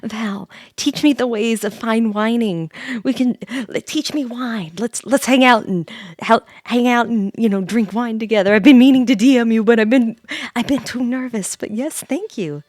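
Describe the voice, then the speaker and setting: Speaking at a fairly high pitch, a woman streams ASMR as a VTuber host, her quiet chatter frequently dropping to a soft, breathy whisper. She halts and repeats phrases near a close studio microphone, where mouth sounds are audible and the recording is dry.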